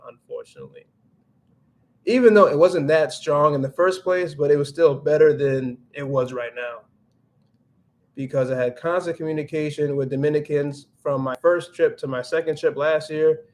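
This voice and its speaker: A young man with a fairly high, somewhat dark voice hosts a relaxed livestream and reads the chat. His talk rambles, full of restarts and "like," as he mixes English and Spanish.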